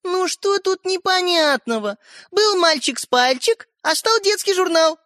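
A woman reader voicing a cheerful, bossy schoolgirl who talks in bright, teasing tones. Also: very high voice, expressive, a little slow, dry recording, studio quality, voice pushed up, exaggerated voice. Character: cheerful know-it-all schoolgirl, bossy older sister.

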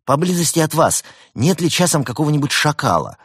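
A man's voice: fairly high pitch, big pitch swings, brisk, breathy edge, no echo, studio quality, voice pushed up, heavily acted. A man voicing a cheerful young male tech-support worker with an eager, helpful manner. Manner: chirpy, eager, bright helpful phone manner. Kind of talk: audiobook character voice.

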